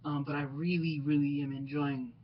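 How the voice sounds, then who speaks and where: A man's voice: a little high, flat delivery, moderate pace. Reflective young man, slightly muffled. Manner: reflective, hesitant, many ums and restarts. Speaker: vlogger. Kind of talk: personal video diary. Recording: slightly dull lo-fi sound with faint noise.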